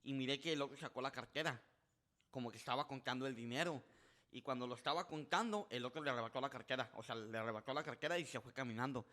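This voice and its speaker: A podcast guest tells a story in a casual, fast manner, his voice mid-range. He's lively and animated, doing the voices of the people he quotes and frequently starting sentences over.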